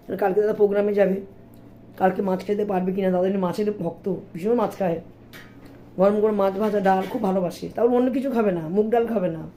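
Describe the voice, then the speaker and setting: A middle-aged woman with a hoarse, sore voice, chatting and complaining to viewers in a casual home vlog. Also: mid-range voice, mellow, a little hiss or hum. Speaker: vlogger. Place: home, indoors.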